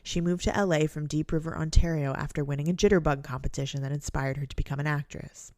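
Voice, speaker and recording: A woman's voice: low-pitched, fairly even intonation, fast, darkish tone, dry recording, studio quality. A woman co-hosting a podcast, reading passages aloud and chatting casually with fillers and some swearing. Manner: reads passages aloud then chats loosely with fillers and swearing. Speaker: podcast co-host.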